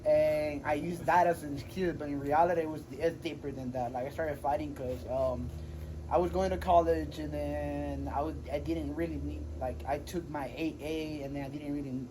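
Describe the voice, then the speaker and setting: A man in his twenties from Honduras, chatting casually as an interview guest, relaxed and slangy with many fillers and restarts. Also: on the high side, moderate pace, noisy background. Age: 20s. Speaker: MMA fighter, guest.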